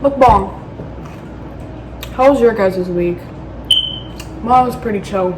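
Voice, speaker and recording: A woman's voice: mid-range voice, a little slow, distant mic. Rambling woman vlogging from her kitchen. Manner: rambling, self-mocking, lots of ums. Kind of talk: casual cooking vlog chat. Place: home bathroom and kitchen. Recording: roomy, from off-mic, household noise.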